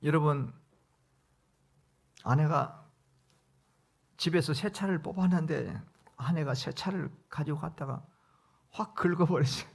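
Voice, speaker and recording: A man's voice: a little high, unhurried, gravelly, long pauses, breathy edge. A middle-aged male guest pastor preaching a revival sermon in a church, emphatic, acting out little scenes of dialogue. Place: church sanctuary.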